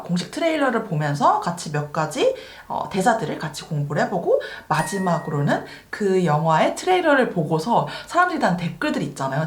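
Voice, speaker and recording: A woman explaining an English lesson as a video host, saying English words and phrases slowly and clearly. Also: lowish voice, slight background noise. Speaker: English teaching YouTuber. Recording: roomy echo.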